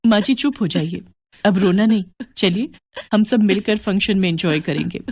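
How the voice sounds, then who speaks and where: A woman voicing a kind young daughter-in-law who speaks respectfully and gently. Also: mid-range voice, moderate pace, dry recording, lightly acted. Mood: comforting.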